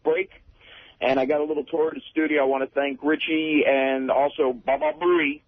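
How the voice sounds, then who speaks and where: A man's voice: on the high side, flat delivery, normal speed. A man calling in to a talk radio show, friendly and chatty. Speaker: caller. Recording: tinny phone line.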